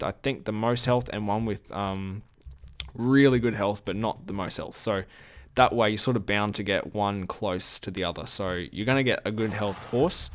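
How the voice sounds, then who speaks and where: A man giving casual gameplay commentary as the host of his own let's play, rambling and often correcting himself. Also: fairly low pitch. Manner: rambling, self-correcting, chatty.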